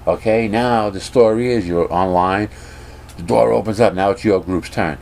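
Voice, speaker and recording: A man vlogging casually, rambling and animated as he gives strong opinions. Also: lowish voice, moderate pace, gravelly.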